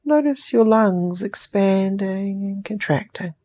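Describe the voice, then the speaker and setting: A woman with a New Zealand accent leads a sleep hypnosis session, her slow, soothing phrases drawn out and occasionally sinking to a whisper. Her voice is medium in pitch and warm.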